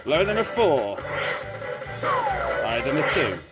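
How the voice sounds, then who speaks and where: A man's voice: fairly high pitch, wildly swooping pitch, unhurried, loud music behind the voice. A man giving informal, sweary commentary while he plays a slot machine, talking to the machine as he goes. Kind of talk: casual gameplay commentary.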